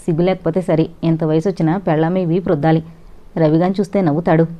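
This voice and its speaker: Woman reading a gentle middle-aged mother. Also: deep voice, fairly even intonation, quick pace, natural voice. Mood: teasing. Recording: dull lo-fi recording.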